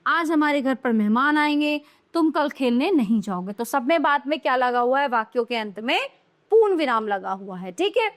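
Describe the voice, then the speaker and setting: A woman's voice: sits high, animated, normal speed. A woman teaching a grammar lesson to young children, explaining patiently and answering her own questions.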